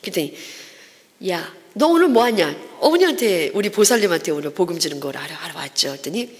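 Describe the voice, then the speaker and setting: A woman evangelist giving a testimony sermon in a church, telling her story in a lively way and acting out the people in it. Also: on the low side, fast. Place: church sanctuary. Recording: long reverb of a church hall.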